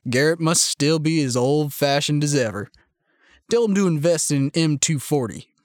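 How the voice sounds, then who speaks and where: A man voicing a young male militia leader who talks in a calm, sardonic, unhurried way. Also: on the high side, no echo, clean studio sound, lightly acted. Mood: cool menace.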